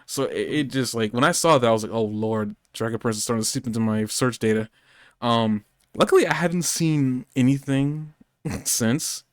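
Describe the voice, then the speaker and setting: This podcast host has a smooth, medium-pitched voice at a moderate pace, recorded clean with no echo, like a studio. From his home streaming setup he runs a live anime show, chatting loosely, wandering off-topic, rambling, and self-correcting as he goes.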